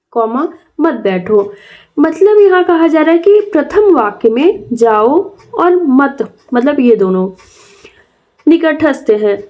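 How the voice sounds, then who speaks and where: A woman's voice: high voice, darkish tone. A young woman giving a grammar lesson, reading lines from her notes and then explaining them in plain words, with frequent hesitant fillers. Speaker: Hindi grammar teacher. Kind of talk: classroom lecture explaining from notes.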